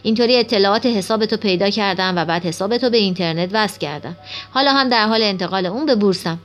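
A woman's voice: medium pitch, faint music behind, close to an everyday voice. Smug, boastful male double, read by a woman, mocking tone, storybook character. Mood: confident.

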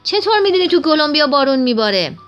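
Woman voicing a curious boy, eager, questioning, higher voice. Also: big pitch swings, a bit bright, muffled recording, soft background music. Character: boy narrator-hero, young and curious.

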